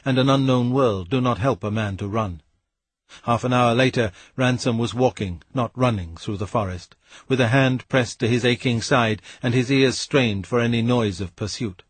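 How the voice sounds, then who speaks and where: A man reading a novel aloud as an audiobook narrator, in a measured, steady way. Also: medium pitch, husky, no echo. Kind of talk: scripted narration.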